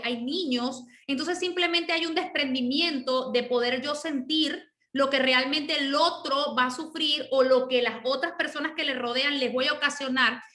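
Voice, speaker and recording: A high, bright-toned woman pastor teaches her congregation. She explains patiently and keeps checking in with a quick "ok?". Her voice rings in a roomy, echoing space. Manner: checks in with the listeners with a frequent "ok?"; explains patiently and repeats her key points. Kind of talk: teaching sermon. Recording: roomy echo.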